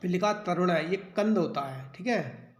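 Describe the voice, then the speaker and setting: A male teacher giving a children's vocabulary lesson, naming each word slowly and repeating it with its meaning, often checking "theek hai". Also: sits high, animated, echoey room.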